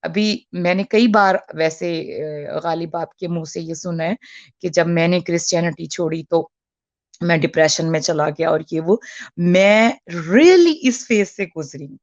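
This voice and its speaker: A woman's voice: fairly low pitch, unhurried, no room sound, lo-fi sound. A woman in her forties phoning in as a caller over a call line, speaking earnestly with frequent hesitations and restarts. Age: 40s. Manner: hesitant, with many fillers and restarts.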